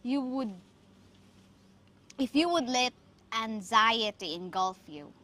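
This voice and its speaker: A Filipino woman whose mother tongue is Cebuano hosts a podcast of reflective, motivational talk, speaking with a Filipino accent. Her voice sits on the high side and sounds animated, bright and forceful, and her phrasing is emphatic and deliberate.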